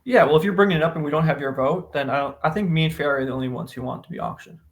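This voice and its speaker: A man with an American accent and a fairly high voice talks very fast, bantering casually with his friend and fellow podcast co-host.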